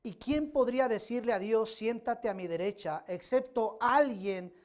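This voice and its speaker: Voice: mid-range voice, unhurried. A preacher teaching a Bible study sermon to a congregation, emphatic and speaking straight to them, repeating key phrases. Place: church service.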